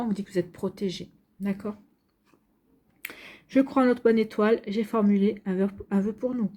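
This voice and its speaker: A tarot card reader gives her viewers a casual reading, chatty and full of fillers and repeats, especially a recurring "donc ici." Her voice is mid-range and warm.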